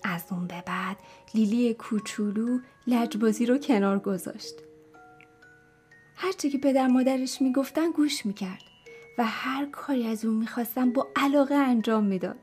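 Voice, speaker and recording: A woman tells a children's bedtime story with lively expression, talking straight to the young listeners. Her voice sits fairly high, with soft music faintly behind her. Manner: expressive, speaks to children directly.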